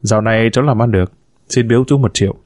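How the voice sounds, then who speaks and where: A man voicing a smooth-talking scheming husband, a con man who speaks in a glib, persuasive way, in a spoken story. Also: lowish voice, rapid-fire, a little mellow, dry recording, clean studio sound, lightly acted. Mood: wheedling.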